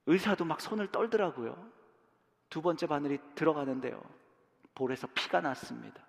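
A pastor preaching a sermon, telling a personal story that swings from hushed to loud. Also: male voice, fairly high pitch, animated, a little fast, vocal fry, in a large hall. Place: church sanctuary.

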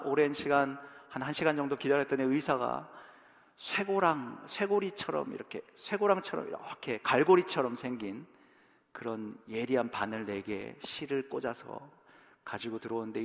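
A pastor preaching a sermon, telling a personal story that swings from hushed to loud. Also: male voice, mid-range voice, moderate pace, gravelly, big-room sound. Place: church sanctuary.

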